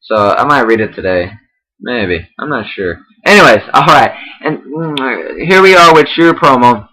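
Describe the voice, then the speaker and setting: A man's voice: mid-range voice, expressive, a little slow, pushed and bright, low-quality recording. Rambling, profane young man. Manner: rambling, profane, many restarts and fillers. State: out of breath. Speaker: online wrestling roleplay host giving feedback. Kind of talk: casual spoken feedback.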